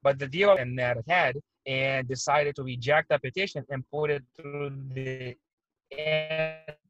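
A man's voice: mid-range voice, steady tone, moderate pace, a bit bright, muffled recording, faint music behind. A man, a union organizer, explaining on a live video call while his audio glitches and breaks up. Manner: explains steadily, checks in with "okay?".

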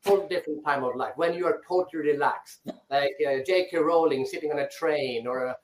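Speaking briskly in a fairly high voice, a Swedish guest gives thoughtful interview answers, often starting his words over. There's slight background noise, and the echoey online audio comes from the rooftop of his island house.

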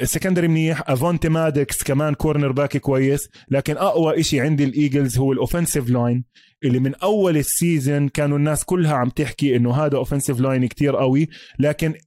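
Fast Palestinian Arabic man talking sports. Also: a little high, steady tone, a little mellow, dry recording, studio quality. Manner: emphatic, repeats phrases for emphasis. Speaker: sports podcast host. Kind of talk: casual sports commentary chat with English terms mixed in.

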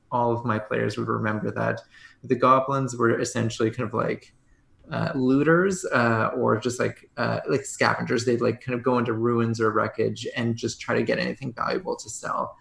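Gravelly, bright-voiced man rambling casually. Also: mid-range voice, fairly even intonation, moderate pace, roomy sound. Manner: rambling, hedging, full of restarts. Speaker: podcast guest, game master. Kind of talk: casual conversation.

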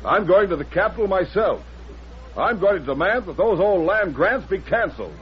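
Man playing angry rancher, blustering, accusing, lively pitch, old radio western drama, dull lo-fi sound. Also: a little fast, crowd noise, natural voice. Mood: indignant. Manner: blustering, emphatic, indignant. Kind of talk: 1940s radio western acting. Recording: dull vintage radio recording.

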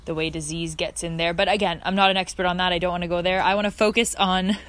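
A woman's voice: lowish voice, fairly even intonation, fast, a bit bright, no room sound. A woman hosting a casual, reflective podcast from her backyard, speaking in an earnest, effusive way. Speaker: podcast host. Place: outdoors in a backyard.

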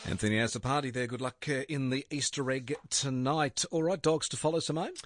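A man's voice: medium pitch, a little fast, no echo, faint music behind. An Australian man hosting a sports radio show, linking segments and prompting his co-host.

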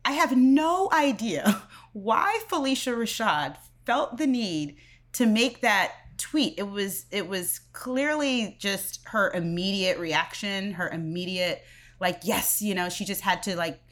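A woman's voice: mid-range voice, animated, slow pace, a bit bright. A woman co-hosting a casual chat show, talking loosely with many fillers and frequent laughs. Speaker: podcast co-host.

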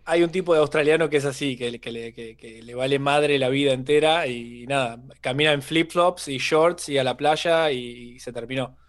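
A man with an Argentine Rioplatense accent, a guest comedian chatting casually in a relaxed way, often chiming in with short agreements. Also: mid-range voice. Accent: Rioplatense Spanish. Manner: relaxed, many quick agreeing replies. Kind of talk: casual chat.

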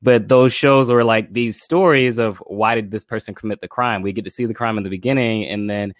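A man from Florida speaks with a lowish voice in a dry, close recording. He talks as a guest in a relaxed, reflective way, often pausing on fillers. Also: no room sound. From Florida, USA. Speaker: podcast guest, filmmaker and brand strategist. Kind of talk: casual interview conversation.

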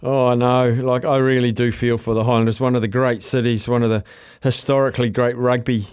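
Male talk radio host, New Zealand accent, smooth resonant voice, dry studio sound, casual chat. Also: mid-range voice, flat delivery, fairly quick, darkish tone, no echo. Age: middle-aged or older. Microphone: close studio microphone.

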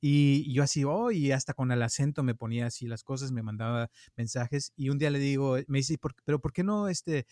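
A man with a Mexican Spanish accent, chatting casually and telling stories with lively acted-out quotes. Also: medium pitch, fairly quick, few pauses, no echo, clean studio sound. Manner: storytelling, animated, acts out quoted voices. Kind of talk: casual chat.

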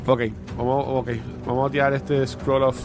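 A man's voice: medium pitch, flat delivery, moderate pace, music in the background. A man with a Puerto Rican accent chatting casually during a video game, slangy and sweary, dropping English words into his Spanish. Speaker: player in a co-op video game series. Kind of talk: casual gameplay chat.

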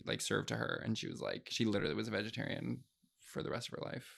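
A man's voice: lowish voice, level tone, fast, gravelly, a bit bright. A young man chatting as a guest on a podcast, rambling with lots of fillers and restarts. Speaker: guest comedian. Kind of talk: casual podcast chat.

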